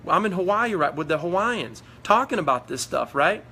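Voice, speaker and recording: A man's voice: high-pitched, sing-song, normal speed, sharp tone, slight background noise. A man giving a fired-up motivational talk on a live video stream, preachy and repetitive as he urges his team on. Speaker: network marketing leader.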